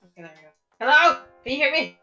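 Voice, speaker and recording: A woman's voice: high-pitched, big pitch swings, fast, bright, forceful tone, faint music behind. Woman with a robotic, metallic call voice. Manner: rambling, easygoing, trails off into fillers. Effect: robotic metallic voice-chat distortion. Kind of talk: casual chat on a live stream. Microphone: voice chat over a computer. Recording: dull lo-fi online call audio.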